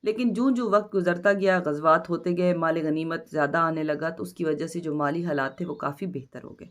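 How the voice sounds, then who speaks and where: A woman with a Pakistani Urdu accent teaches a recorded lesson, her voice set a little low. She reads word meanings slowly and stresses each one as she explains it to her students.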